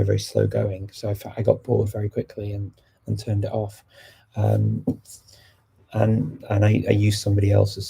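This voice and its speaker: Answering viewer questions as they pop up, a man from the United Kingdom keeps his language-learning livestream casual and chatty. He speaks with a fairly low, gravelly, slightly rough voice.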